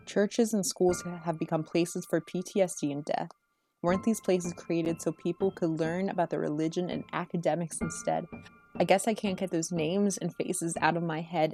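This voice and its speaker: A woman delivers slam poetry in a slightly low, soft-edged and mellow voice. Her phrasing is earnest, measured and rhythmic, leaning on the rhymes as a spoken word poet does. Faint music plays behind her.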